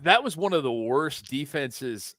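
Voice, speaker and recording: A man's voice: a little high, animated, unhurried, fairly bright tone, no echo, studio quality. Opinionated man talking football. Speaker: podcast co-host, team analyst. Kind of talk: casual sports chat.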